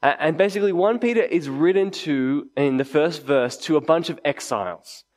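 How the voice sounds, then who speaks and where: A man's voice: fairly high pitch, animated, normal speed, a little mellow. Male preacher giving a conversational sermon. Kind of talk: sermon to a congregation. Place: indoors, church meeting before a congregation.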